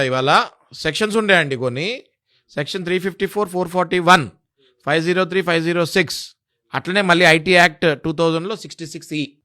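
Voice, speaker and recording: Man, high voice, bright tone, emphatic, lecturing interview guest. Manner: emphatic, lecturing, lists legal sections. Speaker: interview guest explaining legal rights. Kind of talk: interview explanation.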